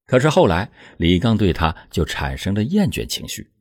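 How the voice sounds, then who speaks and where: A man's voice: low-pitched, sing-song, normal speed, darkish tone, husky. A man telling a true-crime story in a dramatic, vivid way.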